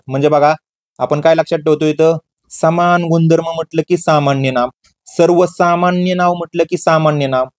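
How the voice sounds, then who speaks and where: Preparing students for an exam, this grammar teacher answers his own questions about each definition and keeps returning to the key words. His voice sits a little high and has a darkish tone.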